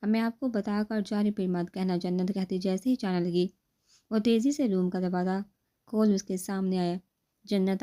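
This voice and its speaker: A woman narrating a novel in a steady, scripted reading voice. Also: medium pitch. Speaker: audiobook narrator.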